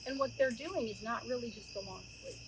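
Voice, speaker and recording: A middle-aged woman with a fairly high voice and lively intonation talks a little fast as she hosts story time for children at a woodland campfire. Her manner is informal, and she addresses the kids directly with questions. The outdoor recording carries clear insect noise, crickets included.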